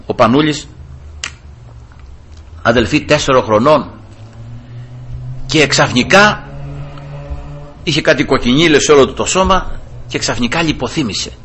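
A man's voice: medium pitch, animated, long pauses, a bit bright, slight background noise. An older man preaching a sermon, telling a personal testimony with passion that climbs to fervent peaks.

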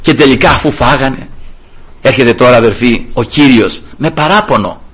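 A man preaching a sermon, telling a story in an animated way and often calling out to his listeners as brothers. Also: mid-range voice, husky.

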